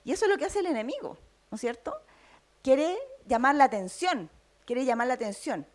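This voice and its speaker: Chilean woman preacher, higher pitch, teaching style with tag questions. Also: animated, brisk. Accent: Chilean Spanish. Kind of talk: sermon.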